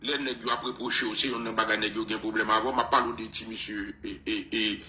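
Forceful Haitian man, stammering. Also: lowish voice, flat delivery, a little fast, reverberant, poor audio. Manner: stammers repeated words, mixes in English. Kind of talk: casual radio talk.

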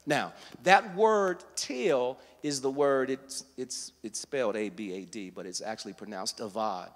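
A man preaching a sermon, teaching verse by verse and building to loud, emphatic passages. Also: mid-range voice, unhurried, long reverb tail. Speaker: guest preacher. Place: church sanctuary.

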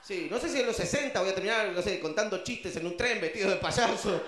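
Argentine man, high voice, stand-up comic in an echoey room, animated storyteller. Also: brisk, noisy background. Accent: Rioplatense Spanish. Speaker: stand-up comedian. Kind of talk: stand-up routine.

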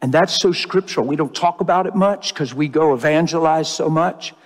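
Male preacher, lively storyteller, slightly high voice, echoing church hall. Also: fairly quick. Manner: animated storytelling, acting out dialogue. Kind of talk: sermon. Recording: long hall reverb.

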